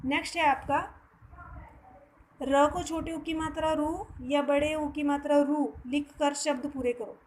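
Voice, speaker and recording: A woman's voice: high voice, slight background noise, rough recording. A woman teacher giving a patient phonics lesson to young children, sounding words out syllable by syllable and mixing in English words. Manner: mixes English words into Hindi.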